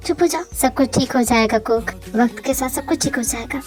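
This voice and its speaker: A woman voicing a tender young husband in a fan audio drama, speaking low and softly to comfort his wife. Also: fairly quick, soft background music, lightly acted. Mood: soothing. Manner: soft, soothing, reassuring. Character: tender, devoted young husband, soothing and calm.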